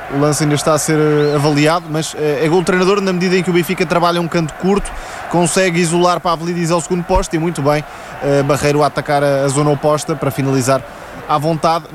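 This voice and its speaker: Male football pundit, European Portuguese, quick, slightly high voice, noisy live feed. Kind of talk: live tactical radio analysis.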